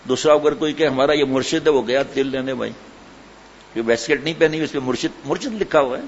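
A man giving a sermon as a religious teacher, telling everyday stories and asking rhetorical questions. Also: mid-range voice. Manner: storytelling, folksy, rhetorical questions. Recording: slightly dull recording with faint noise.

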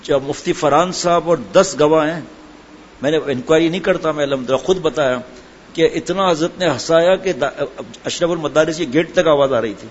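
A man preaching a sermon and telling humorous anecdotes in a chatty way, full of asides. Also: on the high side. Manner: conversational storytelling, chatty asides. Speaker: religious preacher. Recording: dull lo-fi with faint background noise.

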